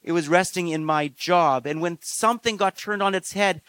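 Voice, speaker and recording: A man preaching a sermon in an earnest, measured way, slowing down on key phrases. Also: high voice, a bit bright, smooth. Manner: earnest, measured delivery with slow emphatic phrases and frequent fillers.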